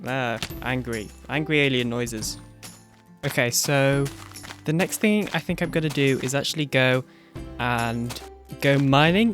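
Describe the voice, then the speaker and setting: A young man casually narrating his own gameplay, rambling and often correcting himself mid-sentence. His voice sounds groggy, as if he has just woken up. It sits at an ordinary pitch, with faint background music behind him. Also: a bit bright. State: groggy morning voice. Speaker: gaming YouTuber. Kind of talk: casual Let's Play commentary.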